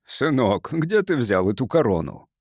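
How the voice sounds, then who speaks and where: A man voicing an excitable, grasping museum curator who shouts indignantly in an audiobook. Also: mid-range voice, a little slow, dry recording, studio quality.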